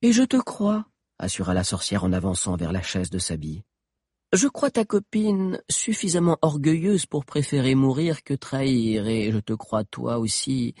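A man's voice: mid-range voice, very animated, unhurried, darkish tone, husky, no room sound, studio quality, pitched above the performer's own voice, exaggerated voice. A man reading an audiobook and voicing a cruel, scheming sorceress queen with a mocking, menacing manner. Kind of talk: audiobook character voice.

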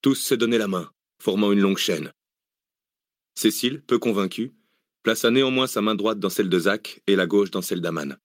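Male audiobook narrator, low voice, dry close sound, measured delivery. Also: no echo. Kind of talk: scripted narration.

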